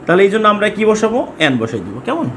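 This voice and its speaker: A man's voice: high voice, big pitch swings, fast, fairly bright tone, slight background noise. A man with a Bangladeshi accent teaching an English grammar class, asking questions and repeating words as he drills students.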